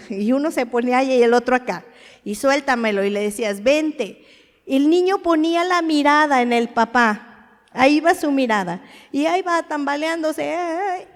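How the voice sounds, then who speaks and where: A woman's voice: fairly high pitch, a little mellow. A woman preaching in a reverberant hall. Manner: conversational, asks the listeners questions; acts out short quoted voices in dialogue. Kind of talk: sermon.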